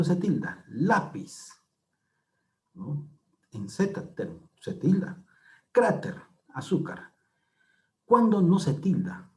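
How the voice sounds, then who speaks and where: Guy teaching a lesson, mellow low-key tone, keeps saying "right?" and repeating stuff, patient. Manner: repeats key words with frequent "¿no?" tags. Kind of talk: classroom lecture explaining slides.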